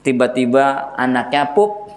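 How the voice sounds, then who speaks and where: Animated preacher. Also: male voice, medium pitch, unhurried. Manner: animated storytelling, addresses listeners directly. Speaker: Islamic religious teacher. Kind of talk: lively sermon with jokes to the congregation.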